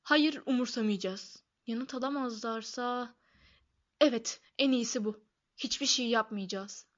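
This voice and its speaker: A woman's voice: fairly high pitch, highs cut off, lightly acted. A woman voicing a blustering, bad-tempered middle-aged uncle who barks and snaps. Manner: gruff, barking and snapping.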